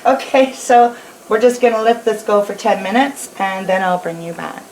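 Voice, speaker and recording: A woman's voice: medium pitch, normal speed, a little mellow, roomy sound, low-quality recording. A middle-aged woman chatting instructively and folksily as she cooks in a home kitchen, with machine noise behind her. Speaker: host of a home canning video. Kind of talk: casual instructional chat while cooking. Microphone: camera a short distance away. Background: kitchen appliance machine noise.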